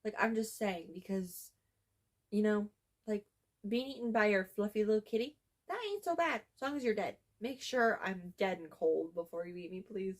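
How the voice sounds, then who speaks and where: A woman's voice: medium pitch, normal speed. A young woman in her teens reading her old journal aloud, candid and blunt, with sarcastic asides and casual swearing.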